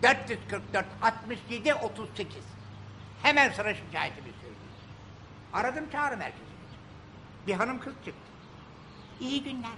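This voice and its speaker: Older man, grumpy scolding rant, piercingly bright gravelly voice, faint background noise. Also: sits high, big pitch swings, normal speed. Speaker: comic complainer addressing a company on video. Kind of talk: spoken video complaint rant.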